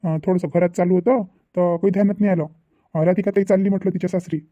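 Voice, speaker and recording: A man's voice: high-pitched, fairly even intonation, quick pace, no room sound, phone-quality sound, close to an everyday voice. A man voicing a worried young village brother who rambles and repeats himself in a cartoon family drama.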